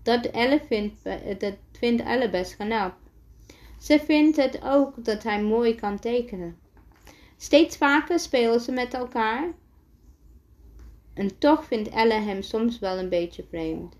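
A woman's voice: on the high side, animated, takes it slowly, a little mellow. A woman reading a children's picture book aloud, carefully, often stopping and restarting words. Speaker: storyteller.

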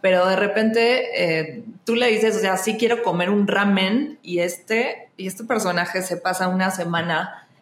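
A woman's voice: medium pitch, measured pace, roomy sound, slight background noise. A woman from Argentina speaking with a Mexican Spanish accent, talking animatedly as a podcast guest, laughing often and restarting her sentences. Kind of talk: casual podcast conversation.

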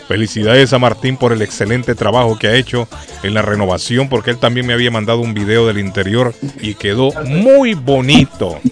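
A man's voice: medium pitch, brisk, faint music behind. A man hosting a live radio show from the studio, chatting and often repeating himself as he affirms what others say.

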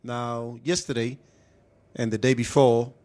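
A man's voice: medium pitch, level tone, measured pace, a little mellow. A man hosting a casual, opinionated discussion, slipping in Afrikaans phrases. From South Africa. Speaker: talk show host.

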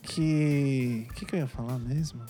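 A man's voice: medium pitch, measured pace, dark tone, faint music behind. A man, a podcast host, chatting casually and joking as he reads listener messages aloud. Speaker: podcast host, tattoo artist.

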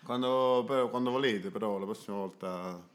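A man's voice: lowish voice, moderate pace. A man chatting casually as a podcast co-host, throwing in joking remarks. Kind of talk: casual chat.

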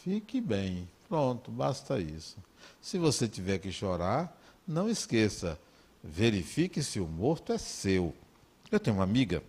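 A man with a Brazilian Portuguese accent, giving a talk in an animated, conversational storytelling way. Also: lowish voice, unhurried, slightly rough. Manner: animated, conversational, acts out dialogue.

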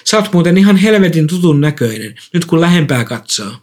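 A woman's voice: sits low, sing-song, a little mellow. A man doing a blunt, breezy woman truck driver. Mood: offhand. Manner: blunt, offhand.

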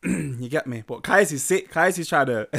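A man's voice: fairly high pitch, expressive, measured pace, creaky, fairly bright tone. Slangy young man. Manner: slangy roadman talk. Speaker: musician being interviewed. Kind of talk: casual chat.

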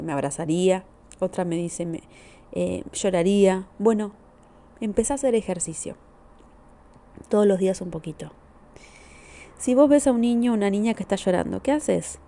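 Warm-toned Argentine woman encouraging gently. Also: mid-range voice. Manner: gentle, encouraging, addresses the listener directly. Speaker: therapist podcast host. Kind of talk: motivational podcast monologue.

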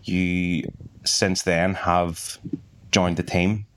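A man's voice: low voice, level tone, extremely slow, a bit bright. A Northern Irish man hosting a casual podcast chat with sweary, bantering talk. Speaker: podcast host.

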